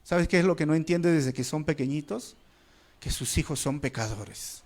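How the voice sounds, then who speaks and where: A man's voice: a little high, moderate pace, darkish tone. A man preaching an expository Bible study as pastor, calling the listeners brothers, asking rhetorical questions and dropping his voice on key words.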